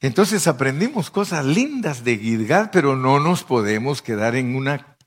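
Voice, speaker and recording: Animated middle-aged preacher man. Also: normal speed. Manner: animated, acts out quoted voices with sudden pitch jumps; addresses listeners as brother, conversational. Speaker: pastor. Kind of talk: storytelling sermon.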